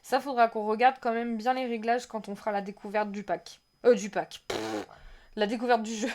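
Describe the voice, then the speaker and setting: A woman streaming a casual reaction to a game trailer, chatting with her viewers and reading their messages aloud in an excitable, rambling way. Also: a little high, normal speed.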